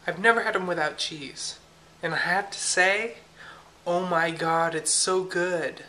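At night in her kitchen and later her living room, a young woman giggles and chats to a handheld camera held out at arm's length. She sounds unhurried and steady in a lowish, pushed, bright voice, using lots of fillers, over slight background noise.

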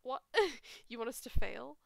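A woman's voice: a little high, normal speed, creaky, no echo. A young woman hosting a game night stream, chatting casually and teasing her friends with lots of giggles. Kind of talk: casual chat while gaming.

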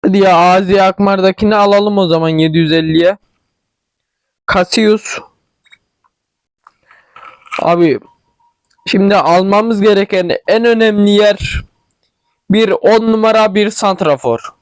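A man's voice: sits high, fairly even intonation, a little slow, long pauses, dry recording. A young man with a regional Turkish dialect, chatting casually over a football management game, thinking aloud and stumbling over words. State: tickly throat, clearing it. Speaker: gaming channel host.

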